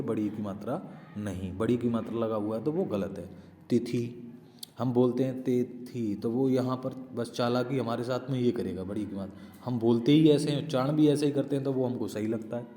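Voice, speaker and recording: A man's voice: medium pitch, mellow, long reverb tail. A man teaching an exam-prep spelling lesson, explaining step by step and often asking and answering his own questions.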